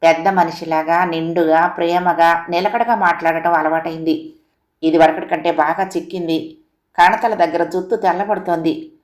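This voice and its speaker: A woman storyteller calmly narrating a written short story. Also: on the low side, moderate pace. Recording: roomy echo.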